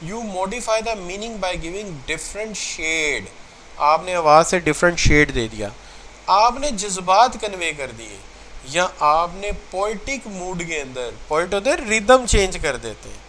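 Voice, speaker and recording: A man's voice: high voice, fairly bright tone, a little hiss or hum, rough recording. A man teaching a recorded lecture to students, mixing English terms into his talk and repeating phrases to show how tone changes meaning. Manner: mixes English terms into Urdu, addresses students as children.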